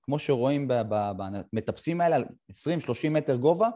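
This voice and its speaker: Middle-aged guy hosting a chat, mellow dark voice, halting storytelling with pauses. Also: mid-range voice, expressive. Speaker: podcast host. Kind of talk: casual conversation.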